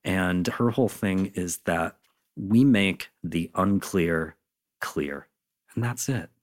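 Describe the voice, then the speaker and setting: A man with a deep voice speaks slowly as an interview guest, a content designer. He explains things enthusiastically, in a conversational and emphatic way.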